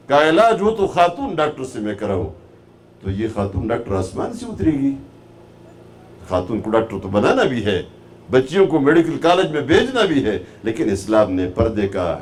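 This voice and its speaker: A man's voice: medium pitch, darkish tone. A man giving an Islamic lecture to a class as a religious teacher, asking the listeners rhetorical questions and rising to stress his points. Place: class hall.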